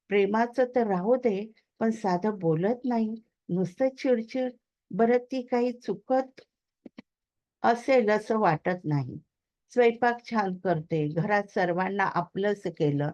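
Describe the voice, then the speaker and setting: Woman reading an outspoken mom, blunt and scolding, protective, slow, a bit muffled. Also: medium pitch, a little mellow, lightly acted. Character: outspoken middle-aged mother, blunt and protective.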